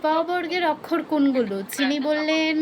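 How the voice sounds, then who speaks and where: A woman teaching an online class, slowly chanting verses to drill pronunciation and patiently quizzing her students with corrective questions over a video call. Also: sits high, a little hiss or hum.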